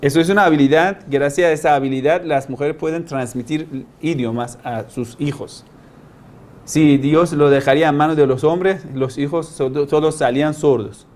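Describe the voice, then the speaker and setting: A man's voice: on the high side, moderate pace. Man lecturing in non-native Spanish. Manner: explanatory, with rhetorical questions and homespun examples; humorous asides. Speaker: religious teacher giving a language-learning lecture.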